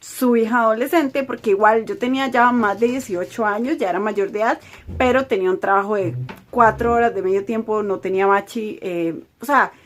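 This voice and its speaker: A woman's voice: mid-range voice, fairly quick. A young woman, telling a personal storytime with emotion, often repeating herself. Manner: emotional, repetitive retelling. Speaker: vlogger.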